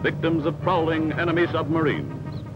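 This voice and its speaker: A man's voice: fairly high pitch, wildly swooping pitch, normal speed. A man narrating a 1940s newsreel in an old newsreel soundtrack, with a dramatic, emphatic announcer delivery. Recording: dull lo-fi film soundtrack with loud music. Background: loud music.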